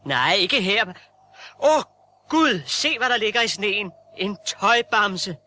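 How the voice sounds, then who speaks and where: A man's voice: sits high, sing-song, bright, forceful tone, exaggerated voice. An actor playing a brave, determined young reporter who talks to his dog, in a radio play. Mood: searching. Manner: earnest, calling out to his dog. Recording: noisy old radio-play recording.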